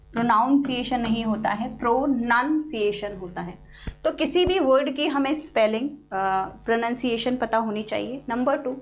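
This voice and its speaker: High-voiced Indian woman teaching English. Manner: explains step by step, repeats key words, addresses students as kids. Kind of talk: online class lecture.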